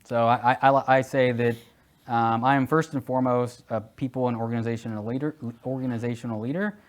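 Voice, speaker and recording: A man in his forties answering interview questions casually, hesitant with many fillers, and animated at times. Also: medium pitch, a little fast. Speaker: guest, security executive.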